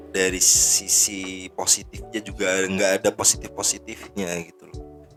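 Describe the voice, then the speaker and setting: Low-voiced man hosting casual commentary. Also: a bit bright. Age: 30s. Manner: indignant, rambling with fillers. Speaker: host.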